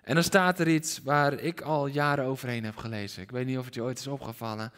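A man preaching a sermon to a congregation in a hall, animated and questioning his listeners directly. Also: medium pitch, a little fast. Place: church hall with congregation and livestream. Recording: reverberant hall.

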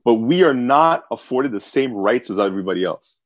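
A man's voice: medium pitch, a little fast, no room sound. A man who works as a voice actor, talking with passion on a podcast and acting out the people he quotes. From Canada. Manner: animated, impassioned, acts out quoted people. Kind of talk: casual podcast discussion.

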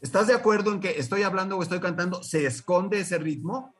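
A Mexican man teaching music as a radio guest, lecturing with lively rhetorical questions and sung examples. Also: high-pitched, a little fast, recorded from a distance. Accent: Mexican Spanish. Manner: animated, lecturing, sings short examples. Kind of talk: radio interview lesson.

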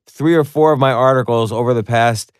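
A man hosting a podcast, with a smooth, resonant, mid-pitched voice and an eager, complimentary way of cutting in. Recorded close and dry. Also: brisk, no room sound. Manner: eager, complimentary, jumps in with his own points. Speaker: podcast host. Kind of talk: casual podcast conversation.

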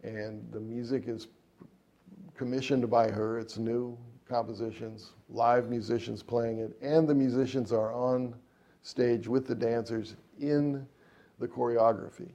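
In a relaxed, rambling interview, this middle-aged jazz trumpeter and composer discusses his music career, frequently stopping on fillers and starting sentences over. His gravelly, dark voice has a medium pitch and flat, even delivery, captured in lo-fi sound.

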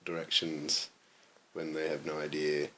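A man's voice: extremely low pitch, completely flat delivery, unhurried, pushed and bright, a little hiss or hum. A young man at university chatting casually about his studies, dry and self-deprecating, often chuckling. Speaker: interviewee, university maths student. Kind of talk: casual conversation.

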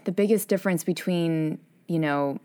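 A woman's voice: lowish voice, normal speed, dark tone. A woman hosting an interview, asking long, winding questions in an attentive way. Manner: attentive, with frequent backchannel murmurs. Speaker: host. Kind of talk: conversational interview.

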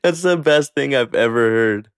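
A podcast host and native English speaker talks in a casual, hyped, slangy style with some swearing. His mid-range voice moves at normal speed, with a clean tone and no room sound.

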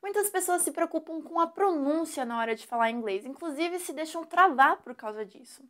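A young Brazilian woman with a Brazilian Portuguese accent, an English teacher giving a lively, animated video lesson. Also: high-pitched, brisk.

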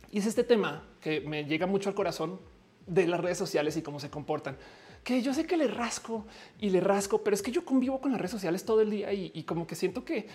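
Una mujer con acento mexicano que conduce un directo en línea, charlando de forma informal y bromista, con muchas muletillas y frases que arranca de nuevo. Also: female voice, mid-range voice, mellow. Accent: Mexican Spanish. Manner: chatty, joking, many fillers and restarts. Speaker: livestream host. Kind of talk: casual live-stream chat.

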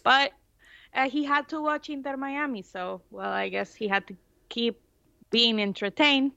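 A woman's voice: on the high side, unhurried, vocal fry, pushed and bright, no echo, muffled recording. Woman co-host in a dry, close recording. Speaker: podcast co-host. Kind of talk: casual chat.

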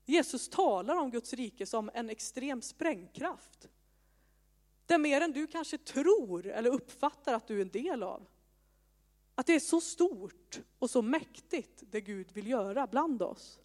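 A fairly high-pitched woman in her thirties gives a sermon woven with personal stories. She talks to the congregation in a conversational way and pokes fun at herself. Her voice rings out in a church hall with a long reverb. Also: animated, darkish tone. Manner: conversational, self-mocking asides. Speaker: preacher.

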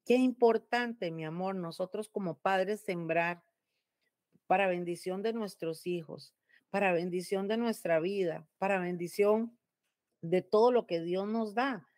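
A woman's voice: mid-range voice, a little slow, darkish tone, dry recording, studio quality. A middle-aged woman pastor with a Costa Rican accent, preaching emphatically at home. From Costa Rica. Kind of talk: home Bible teaching sermon.

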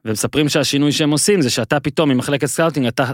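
A man hosting a podcast in casual chat, bantering and quick to joke and push back. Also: on the high side, dry recording, studio quality. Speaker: podcast host.

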